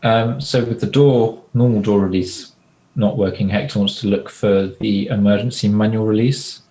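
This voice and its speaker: A man's voice: on the low side, steady tone, moderate pace, dark tone. A man playing in a tabletop game who describes his character's actions and corrects himself. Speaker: player. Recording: roomy echo.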